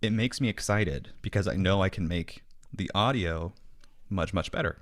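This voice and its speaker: Recorded dry and clean in a home basement studio, a deep-voiced Midwestern man speaks at a normal speed. He's a podcast guest in a casual interview chat, animated and fond of acting out quoted dialogue.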